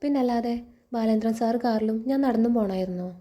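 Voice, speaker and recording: Calm, defiant young maid voiced by a woman, mellow and somewhat high. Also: close to an everyday voice. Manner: firm, measured.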